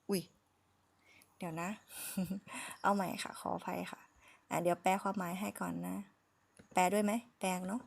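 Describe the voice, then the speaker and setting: A woman with a Thai accent teaching English phonics in a relaxed lesson, slowly sounding out words syllable by syllable and laughing at her own slips. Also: mid-range voice, creaky.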